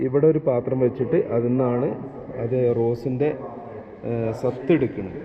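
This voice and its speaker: A man's voice: mid-range voice, fairly even intonation, moderate pace, a crowd in the background. A man with a Kerala Malayali accent doing casual travel vlog commentary, mixing in Arabic phrases like a Gulf returnee. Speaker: travel vlogger. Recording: muffled lo-fi, noisy vehicle ambience.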